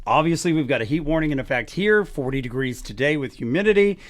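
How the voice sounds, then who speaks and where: Guy radio host, high bouncy voice, chatty wry news reading, dry studio sound. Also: expressive, quick pace, dry recording. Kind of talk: reading news stories on air. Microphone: studio mic.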